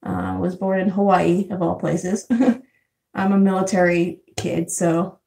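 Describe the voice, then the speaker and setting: A woman in her twenties from San Diego, chatting casually with viewers as a vlogger, laughing often and filling pauses with "um" and "like". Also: fairly low pitch, fairly even intonation, vocal fry, dark tone. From San Diego, California. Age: 20s. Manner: chatty, frequent laughs and fillers. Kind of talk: casual live chat reading comments. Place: house in Arizona.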